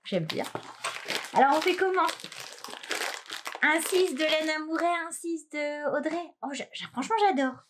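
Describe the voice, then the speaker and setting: High-voiced woman gushing over gifts. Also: lively intonation, a little slow, pauses often, noisy background. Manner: gushing, exclaims often, trails off in soft murmurs. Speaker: knitting vlogger. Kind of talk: casual unboxing chat.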